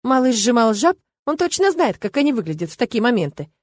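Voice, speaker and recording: Lady reading a story aloud, even pace, dry close sound. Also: a little high, brisk, no echo. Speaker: audiobook narrator. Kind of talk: scripted narration.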